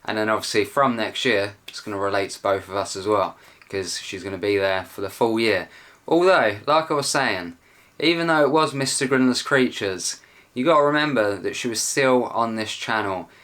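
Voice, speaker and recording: A man's voice: on the low side, normal speed, fairly bright tone. A young man hosting his own video channel, chatting in a rambling, self-deprecating way. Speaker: channel host. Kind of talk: casual video chat.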